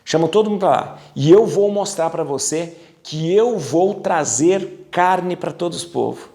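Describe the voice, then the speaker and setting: A man's voice: fairly high pitch, unhurried, mellow. A man voicing God giving firm instructions to a prophet, with a Brazilian accent. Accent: Brazilian Portuguese. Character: commanding God giving calm orders.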